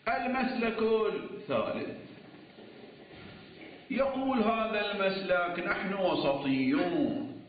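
A man's voice: high voice, slow pace, long pauses, a little hiss or hum. A man teaching religious law in a lecture, with a chanting sing-song cadence, rhetorical questions. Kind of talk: classroom lecture on jurisprudence. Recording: tinny, echoey, distant lo-fi lecture recording.

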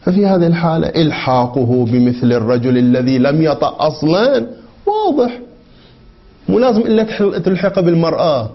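A man with a somewhat raised voice gives a seminary lecture on a legal text. He reads quoted passages slowly, then explains them through leading questions that he answers himself. The recording is dull and lo-fi. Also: sits high. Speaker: religious jurisprudence teacher.

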